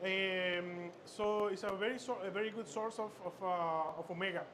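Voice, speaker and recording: High-voiced man teaching a cooking demo. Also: fairly even intonation. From Chile. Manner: halting, many fillers and repeated words. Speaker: chef instructor. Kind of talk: live cooking demonstration. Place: expo stage. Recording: noisy expo hall ambience.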